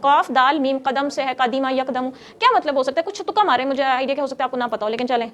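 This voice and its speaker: High-voiced woman teaching grammar. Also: a bit bright, muffled recording. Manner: explains step by step and quizzes students; scolds noisy students. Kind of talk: classroom grammar lesson.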